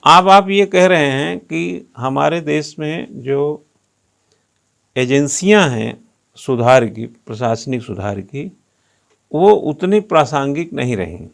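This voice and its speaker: A male teacher lectures a coaching class in an unhurried, conversational way, teasing his students and quizzing them on how words are pronounced. His voice sits high for a man and has a gravelly, creaky edge. He keeps turning to the room with questions. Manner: asks rhetorical questions and drills pronunciation.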